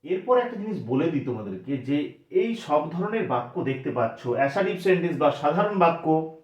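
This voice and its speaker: A man's voice: on the high side, big pitch swings, normal speed, darkish tone. A man teaching a grammar lesson for exam preparation, explaining step by step and asking his students questions that he then answers himself. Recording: echoey, dull lo-fi recording.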